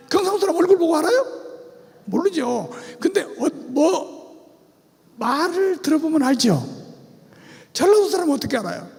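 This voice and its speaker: A man's voice: very high-pitched, gravelly, darkish tone. A pastor leading a church seminar, animatedly quizzing his congregation and having them repeat phrases back. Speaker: pastor teaching about cults. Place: church sanctuary. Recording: long church hall reverb.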